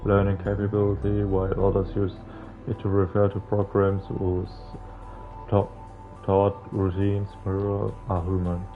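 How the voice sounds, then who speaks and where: A young man streams a visual novel, reading the game's text aloud in a low, monotone voice at a measured pace, then breaking off for casual, slangy, sweary jokes. He uses a streamer microphone with a face cam, and the audio is narrow and phone-like with game music behind.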